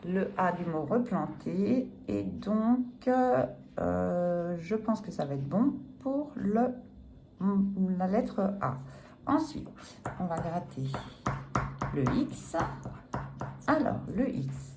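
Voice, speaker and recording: A woman talks through a scratch-off ticket letter by letter in a slow, unhurried way. Her voice is soft and dark rather than bright. A faint hum of room noise sits underneath her chatty, self-mocking commentary. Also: medium pitch, sing-song, vocal fry. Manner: chatty, self-deprecating, apologetic laughs. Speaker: lottery scratch card vlogger. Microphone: phone or camera filming the ticket.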